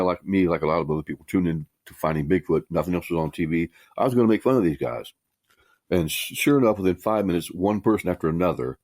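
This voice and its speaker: A man's voice: low voice, a little mellow, no echo. A man in his sixties from Ohio, leaving a voicemail message as a caller and telling his own story in a rambling, casual way, often restarting mid-sentence. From Ohio, USA. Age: 60s. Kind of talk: casual first-person storytelling.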